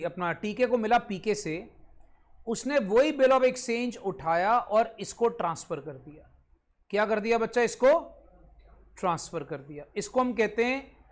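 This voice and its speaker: A male commerce teacher giving an online class lecture with a Punjabi-influenced Hindi accent, repeating points, quizzing his students and sometimes scolding them. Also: high-pitched.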